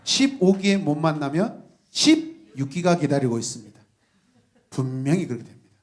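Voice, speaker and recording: A man preaching with a slightly high voice that swoops up and down constantly. He moves from quiet, confiding asides to loud cries, talking straight to the people in front of him. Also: moderate pace. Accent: Gwangju. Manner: animated, bursts into shouting and laughter, addresses congregation directly. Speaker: pastor. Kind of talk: sermon.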